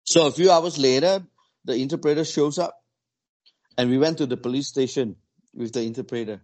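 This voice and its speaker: Telling a story to a small group, a man speaks haltingly and conversationally, restarting phrases and plugging gaps with "you know." His voice is at an ordinary middle pitch with a darkish tone.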